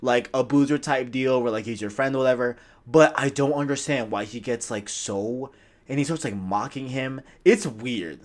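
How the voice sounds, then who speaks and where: A man's voice: mid-range voice, normal speed. A man co-hosting a casual gaming podcast, talking animatedly in long runs full of "like" and "right?". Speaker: podcast co-host.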